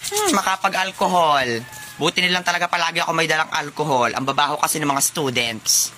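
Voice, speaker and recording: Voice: medium pitch, big pitch swings, fairly quick, bright, forceful tone, a little hiss or hum. A snobbish male teacher, as a comic performer puts him on, sneering at students and scolding sharply. He is fussy about germs and looks down on everyone. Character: arrogant male teacher, germ-obsessed snob. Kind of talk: comic skit voices.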